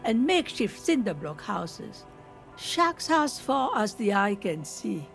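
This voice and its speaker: Very old village woman, game character, weary, folksy, swooping pitch, music behind. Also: big pitch swings, takes it slowly, vocal fry, exaggerated voice. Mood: somber, matter-of-fact. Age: older. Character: old washerwoman of a poor fishing village, weary, plainspoken. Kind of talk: video game dialogue acting.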